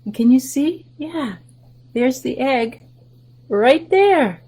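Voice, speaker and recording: A woman with a high, husky voice hosts library story time, reading a picture book to children and explaining the pictures. She speaks slowly with lively intonation, gently and often dropping to a soft whisper.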